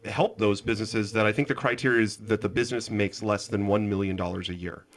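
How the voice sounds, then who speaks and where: A man's voice: on the low side, steady tone, fast. Chatty man hosting local radio. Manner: conversational, asks questions with small restarts. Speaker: radio show host. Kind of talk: radio interview.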